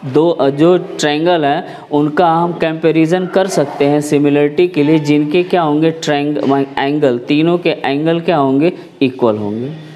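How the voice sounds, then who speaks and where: A man's voice: fairly high pitch, steady tone, unhurried, darkish tone, dull audio, a little hiss or hum. Hindi-speaking man teaching a math lesson. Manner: explanatory, checks understanding with repeated questions.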